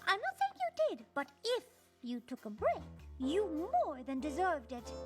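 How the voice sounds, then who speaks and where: Her very high voice swoops wildly in pitch, exaggerated yet measured in pace, with music underneath. The actress plays a theatrical, fashion-loving young female pony acting as detective and narrator, persuasive and refined as she raves about fabrics in cartoon-style narration.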